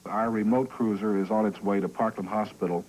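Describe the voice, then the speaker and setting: A man with a low voice speaks formally as a live news anchor. He is measured and polite. The old broadcast tape is full of hiss. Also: steady tone. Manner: formal, measured on-air delivery.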